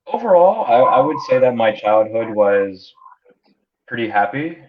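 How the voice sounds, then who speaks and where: A man in his thirties, born in Canada and raised in the United States, speaks Hungarian as his native language. As an entrepreneur being interviewed casually about his life, he uses a mid-range, sing-song voice at a measured pace, tripping over repeated words and fillers. The audio is dull and lo-fi.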